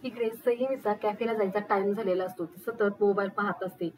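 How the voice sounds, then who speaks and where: A woman narrating a plain, steady retelling of a TV serial episode. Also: mid-range voice, a little fast, a little hiss or hum, rough recording. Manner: even, steady reading of dialogue and action.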